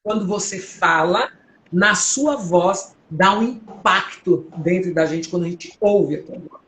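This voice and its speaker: An unhurried Brazilian woman preaches and gives testimony from home in a deep, strong, powerful voice with a fairly bright tone. She's earnest and emotional as she exhorts listeners, and the room is echoey with a faint background hum.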